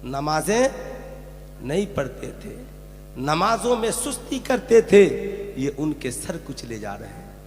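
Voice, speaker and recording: Impassioned high-pitched preacher man, echoey hall. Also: very animated, slow pace, soft background music. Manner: rising to loud shouted passages, then dropping low and quiet; questions the crowd and urges them to answer. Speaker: Islamic preacher. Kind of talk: sermon with call-and-response. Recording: echoey hall, faint hum.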